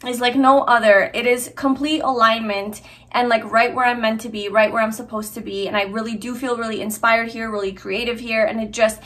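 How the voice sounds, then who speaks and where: A young woman from Hungary addresses her vlog viewers earnestly in casual personal talk, with lots of fillers and restarts. She speaks a little fast in a steady, slightly high, somewhat bright voice.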